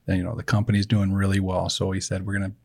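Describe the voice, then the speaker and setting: Lower-voiced middle-aged guy, chatty podcast host, keeps laughing through his stories. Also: completely flat delivery, rapid-fire, creaky, darkish tone. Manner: laughs often while telling stories. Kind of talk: casual chat.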